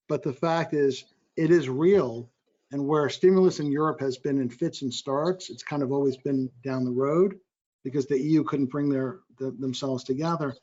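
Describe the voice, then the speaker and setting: A man speaking as an investor on a panel, energetic and quick, often cutting into his own sentences. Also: fairly high pitch, dull audio. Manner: energetic, quick, self-interrupting. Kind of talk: panel discussion. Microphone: video call.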